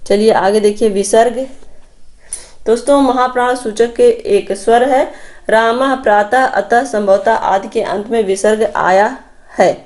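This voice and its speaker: A woman's voice: a little high, steady tone, a little slow, a little mellow. Woman teaching a grammar lesson. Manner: explanatory, addresses viewers as friends, points at slides. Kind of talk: exam-prep Hindi grammar lecture.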